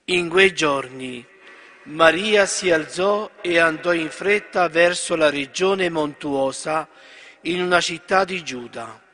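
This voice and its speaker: A man reading the Gospel at Mass in a measured, solemn manner, recorded in a large church. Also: a little high, pushed and bright. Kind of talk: liturgical reading. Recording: long church reverb.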